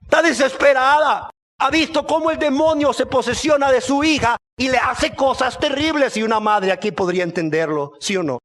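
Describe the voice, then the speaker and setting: A male pastor preaching a sermon, animated, asking the congregation rhetorical questions and swinging from loud to hushed. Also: very high voice, moderate pace.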